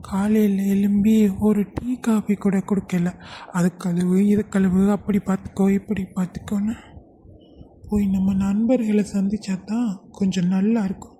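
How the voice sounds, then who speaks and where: Woman playing a cheeky daughter-in-law, mellow voice. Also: mid-range voice, a little hiss or hum, close to an everyday voice. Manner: sarcastic, grumbling back-talk. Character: lazy, cheeky, back-talking young daughter-in-law. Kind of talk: comic family skit.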